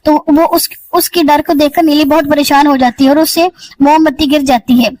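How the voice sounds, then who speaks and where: A woman with a high voice retells a drama's plot in easy, everyday speech. She moves from scene to scene in a plain storytelling tone and now and then stumbles and restarts a word. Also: steady tone, darkish tone, a little hiss or hum, rough recording. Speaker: drama recap narrator. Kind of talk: casual spoken plot recap.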